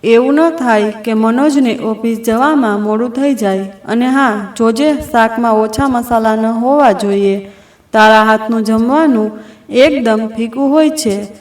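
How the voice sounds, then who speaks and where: A woman's voice: fairly high pitch, unhurried, a little mellow, recorded from a distance, close to an everyday voice. A woman voicing a domineering older mother-in-law who scolds and commands, in a roomy recording. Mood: scolding. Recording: roomy echo.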